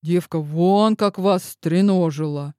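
A man's voice: high-pitched, slow pace, a little mellow, clear, resonant tone, no room sound, clean studio sound. A man reading an audiobook voices a chatty, grumbling male bodyguard who rambles on.

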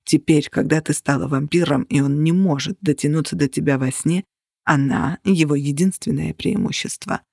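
A reader voicing a stern, protective male vampire who speaks low, firm and hushed. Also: normal speed, vocal fry, dry recording, clean studio sound.

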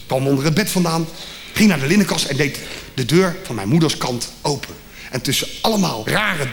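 A man's voice: a little high, a bit bright. A man from The Hague telling a comic story on stage and acting out the voices of the people in it. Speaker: comedian. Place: theatre stage. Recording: live theatre recording with hall reverb, audience laughter and noise.

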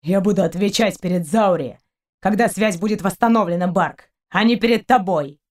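A woman's voice: medium pitch, normal speed, darkish tone, lightly acted. A woman reading aloud, voicing a cold, threatening male pirate. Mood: menacing.

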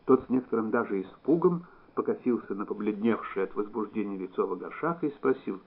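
A man reading a literary audiobook in a measured, even way, on a slightly dull recording. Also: on the low side, breathy edge. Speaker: audiobook narrator.

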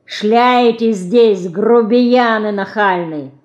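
A woman reader voicing a gruff male yard keeper who shouts and drives people away. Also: medium pitch, extremely slow, muffled recording. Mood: angry.

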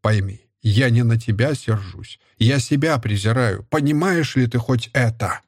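A man's voice: medium pitch, unhurried, no room sound, studio quality. A man reading an audiobook and voicing a middle-aged scholar husband who speaks in bitter, contemptuous outbursts. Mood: disgusted. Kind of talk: audiobook character voice.

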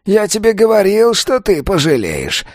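A man's voice: high-pitched, wildly swooping pitch, moderate pace, no echo, studio quality, pitched above the performer's own voice, full character voice. Man doing a scolding wounded old man. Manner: scolding, grumbling.

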